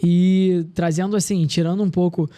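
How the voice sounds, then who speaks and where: Thirties male guest, earnest and reflective, warm dark voice, a bit high-pitched. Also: level tone, normal speed. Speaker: podcast guest. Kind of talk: casual podcast conversation.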